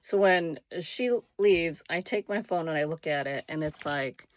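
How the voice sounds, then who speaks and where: Low-voiced woman telling a dramatic story. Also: unhurried, slight background noise. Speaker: vlogger. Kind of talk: casual first-person storytelling.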